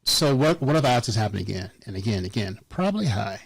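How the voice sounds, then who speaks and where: A man's voice: on the low side, expressive, fast talker, creaky, breathy edge, dry recording. A man co-hosting a podcast in casual chat, blunt and joking, often repeating words as he starts a thought. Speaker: podcast co-host.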